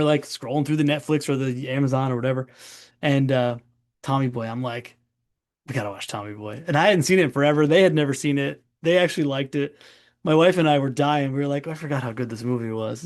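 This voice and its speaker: Brief: forties male doctor hosting webinar, gravelly and chatty. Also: mid-range voice, steady tone, fast talker. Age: 40s. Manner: chatty, long-winded, rambling. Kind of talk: casual webinar Q&A.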